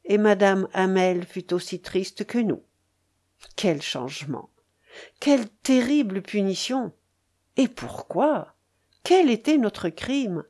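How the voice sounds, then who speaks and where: A woman reading a novel aloud in a measured, mournful way. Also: medium pitch, expressive, a little mellow. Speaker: reader. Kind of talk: literary audiobook narration.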